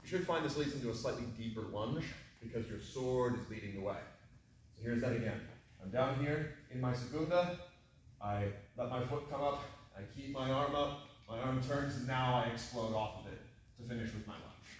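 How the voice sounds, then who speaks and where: A man giving an instructional fencing demonstration, explaining movements and breaking them into short, crisp commands. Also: mid-range voice, normal speed. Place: large echoey indoor training hall. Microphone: distant camera microphone. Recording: very echoey room, distant mic, faint noise.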